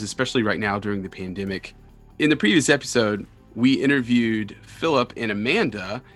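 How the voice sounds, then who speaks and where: A man's voice: lowish voice, a bit bright. A man hosting a casual podcast interview as a church missioner, friendly and often restarting phrases. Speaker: podcast host, campus and young adult missioner.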